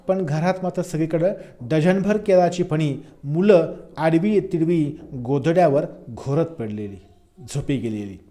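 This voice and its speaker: Male lecturer, fairly high and warm in tone, explains a poem line by line. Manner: repeats lines slowly and glosses dialect words. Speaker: college teacher.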